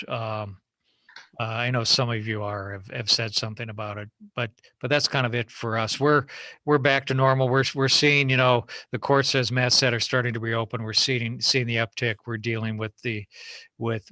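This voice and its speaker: A man giving an informal status report on a conference call, halting and repeating his words. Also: mid-range voice, pushed and bright, no echo. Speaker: department head reporting.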